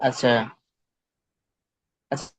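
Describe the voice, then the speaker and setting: A man's voice: takes it slowly, darkish tone, no echo. A male English teacher, leading an online pronunciation drill and patiently repeating words for students. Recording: dull lo-fi online call audio.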